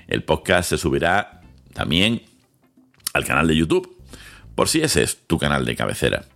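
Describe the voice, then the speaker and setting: A very low-voiced man opens his podcast with a lively, swinging delivery, slowing down for emphasis and then rattling off quick lists. He speaks close into a studio mic while soft music plays under him. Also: creaky. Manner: dramatic pauses, swings between slow emphasis and quick lists. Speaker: podcast host, lawyer. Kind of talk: podcast introduction monologue. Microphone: studio microphone with headphones.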